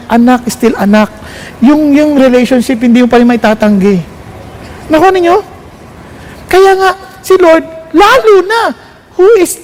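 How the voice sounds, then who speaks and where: A man with a Filipino accent preaching a sermon, mixing Tagalog and English, asking the audience questions and swinging his pitch up for emphasis. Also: darkish tone, slight background noise.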